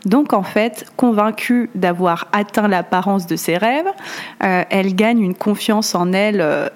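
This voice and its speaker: A woman's voice: medium pitch, a little slow. Woman podcast host, casual solo talk, hesitant delivery with frequent restarts. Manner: hesitant, many fillers and restarts.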